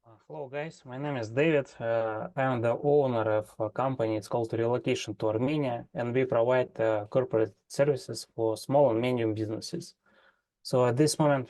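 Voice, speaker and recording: A man who owns a business introducing himself on a video call, halting with many uhs. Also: mid-range voice, warm tone, no echo. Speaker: business owner.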